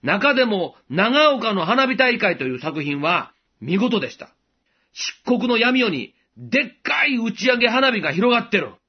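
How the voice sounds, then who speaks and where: Male radio preacher, high and lively pitch, earnest and measured delivery, dull lo-fi sound. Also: husky. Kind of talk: short radio devotional message.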